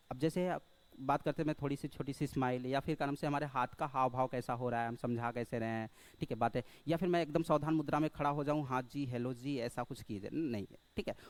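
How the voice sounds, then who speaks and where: A man teaching a spoken lesson, hesitant and full of filler sounds, who keeps checking in with the class and calls his listeners brother. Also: fairly high pitch. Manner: checks in often with rhetorical questions, addresses listeners as brother. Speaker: English teacher.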